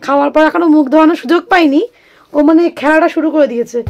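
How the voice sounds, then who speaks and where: A woman's voice: sits high, fast, a little mellow. A woman, vlogging at home and chatting to viewers as she explains household tasks. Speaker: vlogger and mother. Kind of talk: casual family vlog chat. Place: home, indoors.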